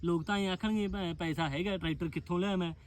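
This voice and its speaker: Fast-talking bossy man in a comedy skit. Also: high-pitched, steady tone. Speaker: comedy sketch actor.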